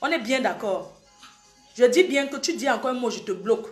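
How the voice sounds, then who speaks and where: A woman's voice: on the high side, expressive, fairly quick, roomy sound, soft background music. A young woman from Cameroon hosting a live stream, talking hard and repeating her warnings to the people watching. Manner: scolding, emphatic, repeats warnings. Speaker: social media live host. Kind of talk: heated live-stream monologue.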